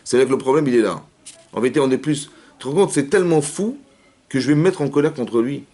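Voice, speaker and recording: A rabbi giving a lively Torah class, rapid and animated, acting out little dialogues as he answers questions. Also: mid-range voice. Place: community hall.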